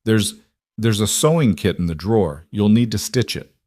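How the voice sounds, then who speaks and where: A man voicing a gruff, terse middle-aged mountain hermit in an audio story, talking through pain. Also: fairly low pitch, expressive, moderate pace, darkish tone, dry recording, clean studio sound, natural voice. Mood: weak.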